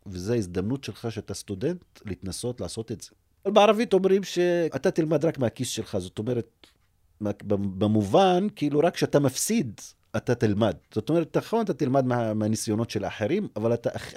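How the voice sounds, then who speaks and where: A man from Umm al-Fahm, a native Arabic speaker, tells a story as a film director guest in an interview and acts out the voices in it. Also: fairly low pitch. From Umm al-Fahm, Israel. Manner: animated storyteller who acts out quoted speech.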